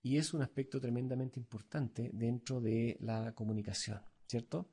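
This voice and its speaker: A man with a Chilean accent lecturing as an instructor, halting and full of fillers and tag questions. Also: mid-range voice, fairly even intonation, warm tone, slightly rough. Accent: Chilean Spanish. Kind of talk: recorded lecture.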